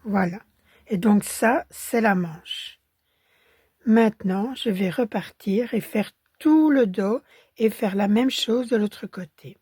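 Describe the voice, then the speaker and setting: Hoarse from a cold, a woman with a Belgian French accent calmly walks through a crochet pattern step by step, counting stitches under her breath. Her pitch is medium and her pace slow. The studio recording is clean, with no echo.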